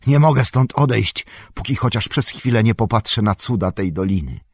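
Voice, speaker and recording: A man's voice: fairly low pitch, animated, moderate pace, slightly rough, no room sound, studio quality, pitched above the performer's own voice. A man voicing a proud, fervent dwarf. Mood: exclaiming. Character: gruff passionate male dwarf, proud and grieving.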